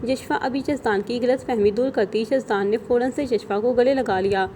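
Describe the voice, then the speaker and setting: Woman narrating an audio novel, mellow. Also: a little high, a little hiss or hum.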